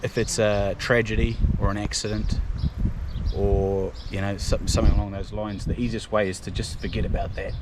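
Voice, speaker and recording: A man's voice: on the low side, little pitch movement, moderate pace. A man giving casual, unscripted advice in brief, plain-spoken phrases. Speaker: fishing guest. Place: outdoors. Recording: clear outdoor noise, birds, clicks.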